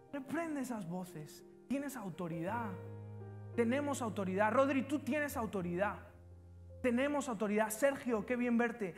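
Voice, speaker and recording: A man preaching a fervent sermon, calling his congregation to repeat lines after him. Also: high-pitched. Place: church hall. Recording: reverberant church hall with music.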